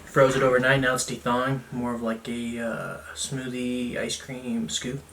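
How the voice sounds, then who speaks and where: A young vlogger rambles through a casual home unboxing, chatty and self-mocking, his fairly bright, everyday-pitched voice delivered flatly at a moderate pace. A far-off camera mic picks him up in a bare, echoey room, with clicks and a drawer opening or closing in the noisy background.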